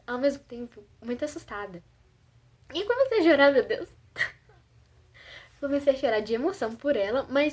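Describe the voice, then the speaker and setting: Jovem brasileira contando história, voz aguda. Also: female voice, on the high side, darkish tone, breathy edge. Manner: chatty, self-conscious, many fillers like "tipo assim". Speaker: vlogger. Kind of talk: casual personal storytelling.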